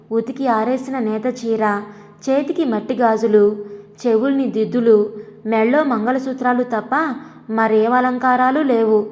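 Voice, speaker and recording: A woman storyteller reading a story in a measured, dramatic way. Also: a little high, darkish tone. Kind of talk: scripted story narration. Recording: long reverb.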